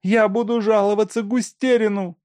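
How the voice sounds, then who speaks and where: A man's voice: sits high, sing-song, moderate pace, a little mellow, no room sound, voice pushed up. A man reading an audiobook, voicing a brash, bossy young vagabond woman who squabbles with everyone. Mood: shrill.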